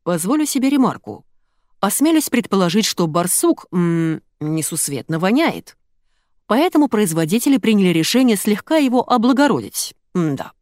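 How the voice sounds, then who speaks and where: A woman reader plays a pompous, overly polite man waiting at the counter. His phrases come out fussy and formal, with plenty of pitch movement, in a close, dry read. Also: sing-song, normal speed, darkish tone, no echo, close to an everyday voice.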